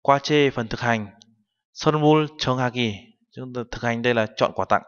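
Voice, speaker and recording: A man's voice: mid-range voice, fast talker, fairly bright tone, smooth. A man teaching a language lesson, patiently explaining and translating each term word by word. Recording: dull recording with long reverb.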